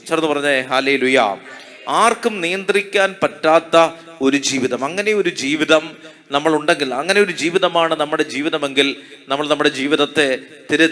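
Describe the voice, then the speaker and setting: Malayali priest giving a sermon, bright high-ish voice, keeps asking questions and getting the crowd to say hallelujah. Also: male voice. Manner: call-and-response preaching, asks the crowd to say hallelujah; rhetorical questions, repeats phrases.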